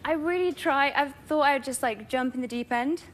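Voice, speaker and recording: A woman's voice: sits high, a little fast, background noise. A young woman guest on a talk show, telling self-mocking stories and giggling as she goes. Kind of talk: chatty anecdotes.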